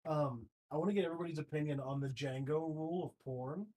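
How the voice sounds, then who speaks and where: Very low-voiced woman chatting casually. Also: quick pace, mellow, low-quality recording. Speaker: chat participant. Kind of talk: casual chat.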